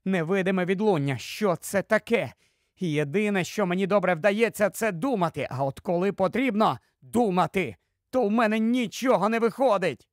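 Anxious clever teen wizard boy, read by a man, flustered and high. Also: lively intonation, normal speed, no room sound, clean studio sound. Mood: panicked. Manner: flustered and fretful.

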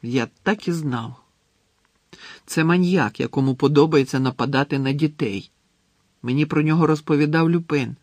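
A man voicing a troubled teenage schoolboy hero in an audiobook, earnest and brooding, with a gravelly, husky voice. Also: fairly high pitch, animated, moderate pace, a little mellow, no room sound, pitched above the performer's own voice. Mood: angry. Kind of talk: audiobook character reading.

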